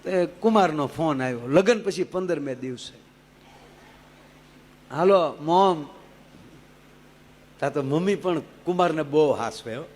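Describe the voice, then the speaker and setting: Male folk storyteller, high-pitched and playful. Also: normal speed, few pauses, slight background noise. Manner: lively, joking, switching between voices. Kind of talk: live humorous folk storytelling.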